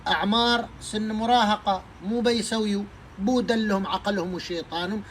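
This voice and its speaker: A man's voice: sits high, fairly even intonation, brisk, fairly bright tone, a little hiss or hum, low-quality recording. A man giving emphatic advice to parents, preaching with many rhetorical questions. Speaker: social media speaker giving advice to parents. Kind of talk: impassioned advice monologue.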